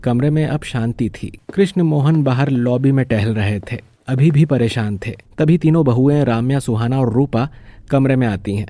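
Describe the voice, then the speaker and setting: A man narrating a cartoon story in a calm, even storytelling manner. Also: mid-range voice, moderate pace, no room sound.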